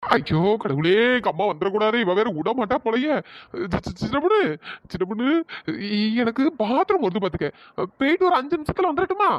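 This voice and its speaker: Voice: medium pitch, big pitch swings, fairly quick, dry recording, lo-fi sound, natural voice. Timid stammering henpecked husband, voiced by a performer. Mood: fretful pleading. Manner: stammering, pleading. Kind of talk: cartoon voice acting.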